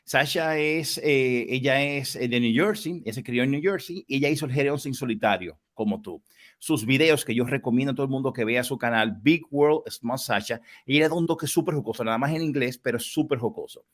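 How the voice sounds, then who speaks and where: A man hosting a livestream interview, telling stories with animated energy. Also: fairly quick. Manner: animated storyteller with lively swings in pitch. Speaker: host.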